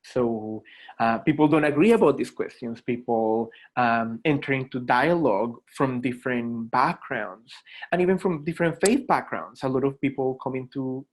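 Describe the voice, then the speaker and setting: A Colombian man in his thirties, a native Spanish speaker with a Colombian accent, introduces himself informally to students as an adjunct philosophy lecturer. He speaks in a mid-range voice, reflectively and haltingly, repeating words. The recording quality is low.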